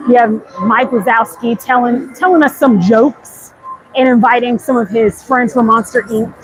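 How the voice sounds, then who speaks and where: An American woman hosts a casual livestream while walking through a busy theme park, chatty and enthusiastic and using slang to address viewers. Her voice is fairly high-pitched at normal speed. The rough outdoor recording carries clear theme park ambience and faint music.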